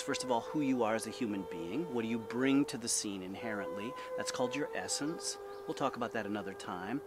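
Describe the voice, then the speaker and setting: Male drama teacher for an acting lesson: emphatic, deliberate, widely varied intonation, clear background noise. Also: medium pitch. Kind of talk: instructional lecture to camera, drama teacher.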